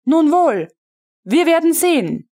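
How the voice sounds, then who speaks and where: A woman reading a jealous, imperious young female colonel in an audiobook, scolding sharply in a high voice. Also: very animated, slow, exaggerated voice.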